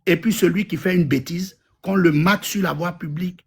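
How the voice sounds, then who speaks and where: A man speaks in a gravelly, slightly husky voice that sits a little high. He is an interviewee who answers bluntly and emphatically, hammering his points home by repeating them. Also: steady tone, brisk. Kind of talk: street interview opinion.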